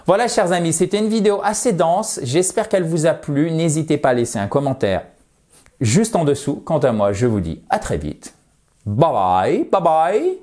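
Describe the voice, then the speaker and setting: Chatty teacher, slightly high voice. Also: male voice, expressive, darkish tone. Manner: chatty, self-mocking, slows to model English words. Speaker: English teacher. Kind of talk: video lesson.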